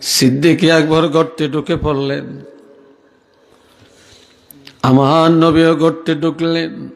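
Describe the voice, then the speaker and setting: A man preaching a waz sermon, slowly chanting lines and rising to shouted high peaks, calling out questions to his listeners. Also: level tone, vocal fry, a little hiss or hum. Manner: calls out to the crowd and asks questions.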